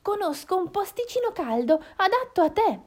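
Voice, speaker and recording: A woman voicing a kind little hen in a children's storybook, speaking softly and kindly. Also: extremely high pitch, very animated, normal speed, voice pushed up. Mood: gentle. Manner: soft, kindly.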